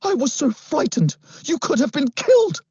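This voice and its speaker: A man reading aloud, voicing a frightened mother in a frantic, high-pitched voice. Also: big pitch swings, normal speed, a little mellow. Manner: frantic, pleading. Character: frightened mother, middle-aged woman. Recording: slightly muffled, dry.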